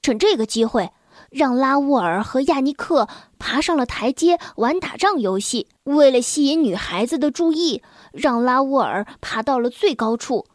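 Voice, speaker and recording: A woman storyteller reading a children's story aloud in a gentle, expressive way. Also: high-pitched, moderate pace, no room sound, studio quality.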